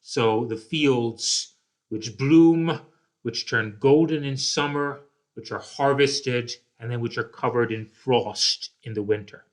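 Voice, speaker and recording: A man teaching a poetry lesson, explaining carefully and often checking in with "okay?", with some restarts and "uh" fillers. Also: mid-range voice. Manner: slow, deliberate explaining with frequent "okay?" check-ins. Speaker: literature teacher. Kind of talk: recorded poetry lecture.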